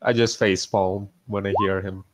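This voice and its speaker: A man's voice: fairly low pitch, little pitch movement, normal speed. A man playing a tabletop game, making casual remarks to the other players.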